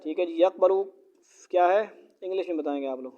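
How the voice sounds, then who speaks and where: Man teaching the Quran to a class, lo-fi. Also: sits high. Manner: recites Arabic quickly, then explains slowly in Urdu with questions to the class. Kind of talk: Quran translation and grammar lesson to students. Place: classroom with students. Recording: dull lo-fi classroom recording.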